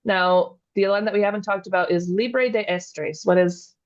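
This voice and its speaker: A woman in a casual chat who asks about Spanish words, sounds them out slowly and laughs easily. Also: medium pitch, steady tone, dull audio. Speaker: co-host learning Spanish.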